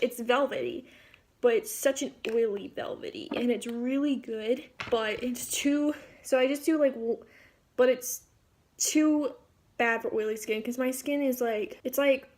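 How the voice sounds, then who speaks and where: Female beauty vlogger, higher register, casual rambling makeup-tutorial chat. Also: darkish tone. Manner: informal, rambling, self-interrupting asides.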